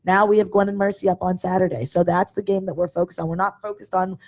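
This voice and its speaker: Woman in her twenties, coach, energetic, fairly low voice, handheld mic. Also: fast. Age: 20s. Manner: upbeat, energetic coach talk. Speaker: basketball coach, guest. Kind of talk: interview answers. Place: indoor studio set with banner backdrop.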